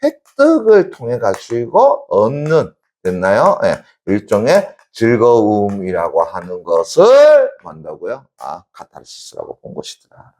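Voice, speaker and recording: A man's voice: on the low side, wildly swooping pitch, measured pace. A male exam-prep teacher giving a classroom lecture, constantly checking in with his class and answering his own questions. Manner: call-and-response, keeps asking "됐니?" and answering himself; emphatic, shouts out examples.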